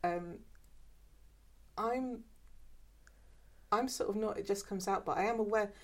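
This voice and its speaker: Speaking at a measured pace in a mid-range voice, a woman from England in her fifties recalls her time as an archive worker in an oral history interview. She is hesitant, repeats words often, and has a mixed accent that is mostly southern English.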